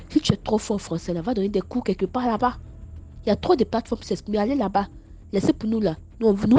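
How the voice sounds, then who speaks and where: A woman's voice: mid-range voice, slight background noise. Stammering Ivorian woman telling her story. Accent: Ivorian French. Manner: stammering, repeats words; animated, scolding. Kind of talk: casual spoken testimony.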